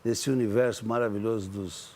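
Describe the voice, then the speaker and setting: A man's voice: on the low side, steady tone, normal speed, mellow. A man with a Brazilian Portuguese accent hosting a talk show with jokey, theatrical banter.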